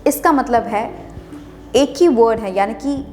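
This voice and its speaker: A woman's voice: on the high side, measured pace, mellow. A woman explaining English words in Hindi, spelling them out letter by letter and repeating each one patiently. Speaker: English teacher. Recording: long reverb with music behind.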